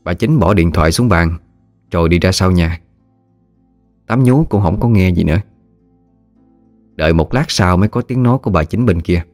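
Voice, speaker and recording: A man with a Mekong Delta Vietnamese accent narrating a folksy village story in an easy, unhurried way. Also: sits low, darkish tone, no echo, faint music behind.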